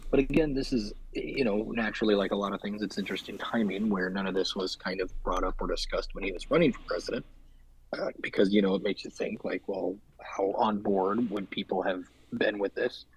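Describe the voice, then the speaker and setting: A man's voice: fairly low pitch, a little fast, slightly rough, low-quality recording. A man co-hosting a casual podcast, talking politics in a thoughtful, filler-heavy way. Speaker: podcast co-host.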